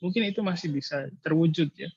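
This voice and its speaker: A male lecturer giving casual thesis advice in an online seminar, explaining patiently with many hesitant filler pauses. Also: fairly high pitch, darkish tone, breathy edge, no room sound, muffled recording. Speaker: university lecturer.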